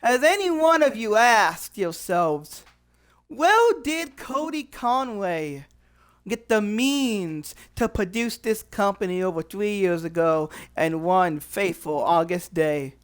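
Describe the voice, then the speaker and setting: Cocky male wrestling-company owner promo by a roleplayer, slow and smooth, grandstanding. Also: mid-range voice, animated. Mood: boastful. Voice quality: boastful, grandstanding, drawn-out dramatic pauses.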